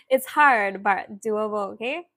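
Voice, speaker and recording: A young woman, tutoring a live-stream spelling lesson. She laughs often, praises students by name and spells words out slowly. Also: medium pitch, fairly bright tone. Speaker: online tutor.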